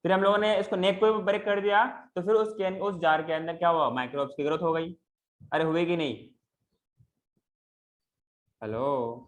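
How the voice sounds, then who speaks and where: High-voiced male teacher lecturing. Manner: keeps checking if students follow; slows down in halting English phrases. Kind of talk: classroom lecture.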